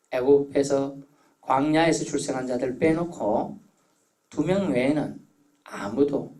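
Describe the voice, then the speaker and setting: A man's voice: medium pitch, a little mellow. A middle-aged man preaching a sermon as pastor, telling stories in a conversational way. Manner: storytelling, conversational preaching with anecdotes.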